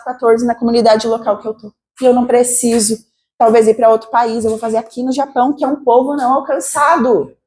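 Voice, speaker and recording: A Brazilian woman missionary preaching a sermon to a congregation, with a Brazilian Portuguese accent, asking lively rhetorical questions. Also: fairly high pitch. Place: church service.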